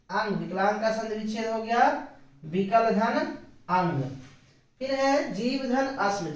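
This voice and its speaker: A woman's voice: a little high, far from the mic. A woman teaching a grammar lesson, explaining step by step and repeating each word split aloud. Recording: echoey room, voice off-mic.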